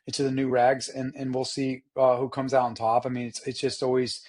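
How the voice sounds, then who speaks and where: A man with a hoarse, rough voice and a middling pitch co-hosts a casual sports podcast. He rambles along with enthusiasm, using plenty of slang as he thinks aloud. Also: monotone, fairly quick, darkish tone. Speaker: podcast co-host. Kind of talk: casual motorsport chat.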